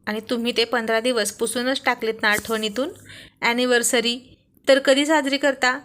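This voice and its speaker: A woman's voice: a little high, fairly even intonation, moderate pace, a bit bright, lightly acted. A woman voicing a young wife who scolds her husband with exasperated affection in a read-aloud story.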